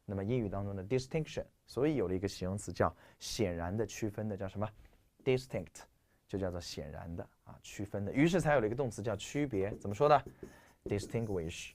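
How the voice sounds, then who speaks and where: A man's voice: fairly low pitch, a little fast, a little mellow. A man from China teaching English vocabulary in a lecture, explaining with rhetorical questions and a stuffy nose. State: stuffy nose, clearing throat.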